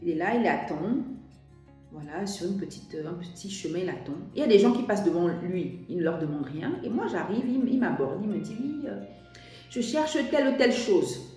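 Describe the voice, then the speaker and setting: A woman's voice: on the low side, expressive, fairly quick, dark tone, soft background music. A young French woman telling a personal story to camera, hesitant, with many restarts and fillers. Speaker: vlogger. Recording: very echoey room.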